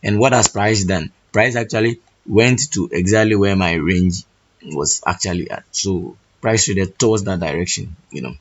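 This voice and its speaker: Hoarse, husky man, lowish register, thinking-aloud tutorial delivery full of restarts, dull lo-fi recording. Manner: halting, restarts phrases often. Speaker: trading educator. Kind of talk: thinking-aloud chart walkthrough.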